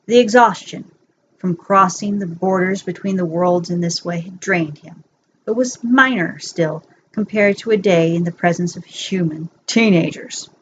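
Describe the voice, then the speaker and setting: A woman with a lowish voice reads fan fiction from a script as a bedtime story, speaking a little slowly. It's an amateur effort, captured in a dull, lo-fi home recording with faint noise.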